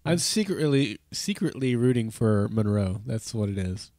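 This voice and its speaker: A man's voice: on the low side, expressive, moderate pace, warm tone, no room sound, clean studio sound. Nasal man in his thirties with a cold. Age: 30s. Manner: rambling, self-correcting, chuckles often. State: stuffy head cold. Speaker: podcast host. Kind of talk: casual podcast chat.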